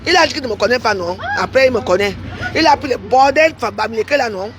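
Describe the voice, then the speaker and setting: High-voiced woman ranting heatedly. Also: animated, fast, some chatter behind, slight background noise. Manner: confrontational, scolding, addresses people directly. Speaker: online commentator. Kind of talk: heated livestream rant.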